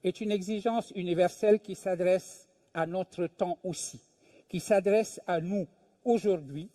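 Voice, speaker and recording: An older man delivers a public lecture in a slow, deliberate way, leaning on pauses for emphasis. His voice sits fairly high for a man, yet its tone is dark and mellow. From Senegal. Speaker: invited speaker, philosophy professor.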